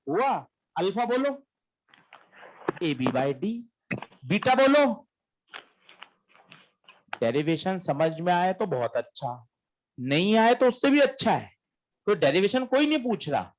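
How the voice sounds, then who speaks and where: Animated high-voiced male physics teacher. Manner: animated, quizzing students and answering himself, switches between coaxing and emphatic. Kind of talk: classroom lecture.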